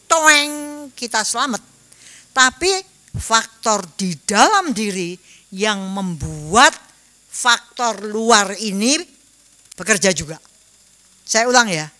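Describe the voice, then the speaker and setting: Bright-voiced woman in her seventies. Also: medium pitch. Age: 70s. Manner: chatty storytelling, mixing in Javanese words. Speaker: Dhamma speaker. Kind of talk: Buddhist Dhamma talk.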